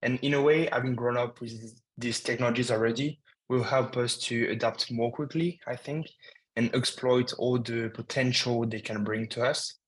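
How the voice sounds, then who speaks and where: A man's voice: mid-range voice, steady tone, moderate pace, rough recording. A young man from France, a student on a podcast panel, speaking in a somewhat hesitant way. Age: young adult. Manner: hesitant, with fillers and restarts.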